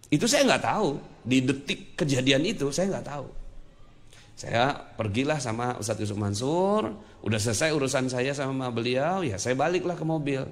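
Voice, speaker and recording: A man's voice: medium pitch, expressive, moderate pace. A male religious teacher telling a personal story in an earnest sermon, often addressing the audience directly. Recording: long reverb.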